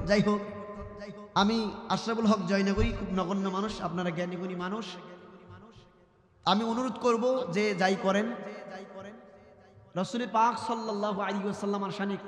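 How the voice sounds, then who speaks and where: A man preaching a waz sermon to a large gathering, talking to the crowd and slipping into slow chanted song. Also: high voice, reverberant, in a large hall. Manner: chanted sermon delivery, breaks into sung English ghazal.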